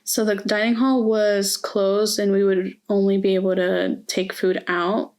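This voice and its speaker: A woman's voice: mid-range voice, flat delivery, unhurried, a little mellow. A young woman from Mexico, interviewed as a student, speaking earnestly and reflectively with frequent hesitations. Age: young adult. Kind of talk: oral history interview. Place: university campus.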